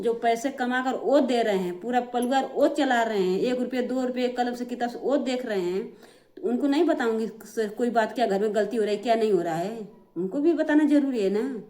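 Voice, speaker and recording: A middle-aged woman vlogs straight to camera, repeating her family grievances in an aggrieved, emotional way and speaking directly to viewers. Her voice is slightly high with a dark tone.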